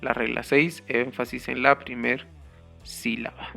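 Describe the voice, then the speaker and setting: A man teaching an English grammar lesson, explaining the rules slowly and carefully and spelling out the letters. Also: medium pitch, flat delivery, gravelly, pushed and bright, faint music behind.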